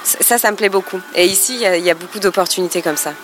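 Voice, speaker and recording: A woman guest talks in a calm, composed way, speaking in full sentences. A faint ambient noise sits behind her voice. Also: fairly low pitch, racing. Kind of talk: casual chat.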